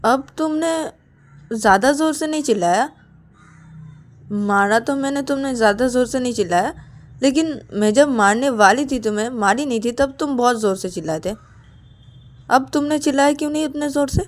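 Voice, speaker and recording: A woman voicing a bossy, teasing young woman who keeps threatening her partner with a stick, in a mock-stern, rapid and raised voice. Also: sits high, pitched above the performer's own voice, lightly acted.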